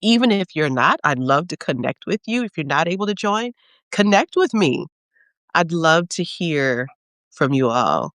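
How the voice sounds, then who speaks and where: A woman's voice: low-pitched, sing-song, a little slow, fairly bright tone, no echo, studio quality. A woman who is an author and program leader, speaking in an earnest, reflective way as she gives a heartfelt spiritual talk.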